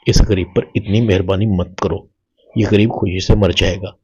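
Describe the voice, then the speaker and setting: A man reading the lines of a happy, devoted young husband with eager, playful delivery and a husky voice. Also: deep voice, fairly even intonation, a little mellow, lo-fi sound.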